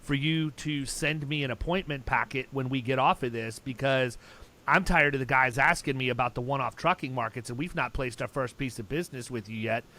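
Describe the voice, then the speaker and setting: A podcast host tells stories in casual chat, blunt, emphatic and talkative, often restarting his sentences. His voice is medium-pitched, bright and forceful, and he speaks briskly.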